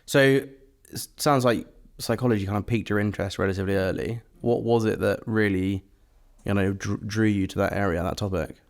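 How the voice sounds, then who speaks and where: A man's voice: lowish voice, fairly even intonation, a little fast, creaky. A man hosting a podcast, asking short friendly questions in a casual chat. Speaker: podcast host.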